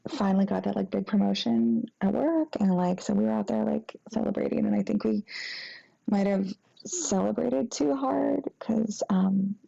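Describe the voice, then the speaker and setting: In this intimate acted phone call, an actress portrays a young ex-girlfriend who is sheepish and hesitant after a drunken night, rambling apologies to an old flame with halting, flustered embarrassment and nervous giggles. Her medium-pitched voice is soft, dark and relaxed with very heavy creak; the recording is slightly dull.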